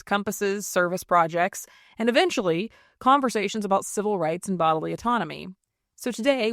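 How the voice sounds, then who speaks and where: A woman narrates a history podcast from a script, her delivery snarky and irreverent. Her voice sits at an ordinary middle pitch. It sounds dry and close, with no room around it. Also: no echo.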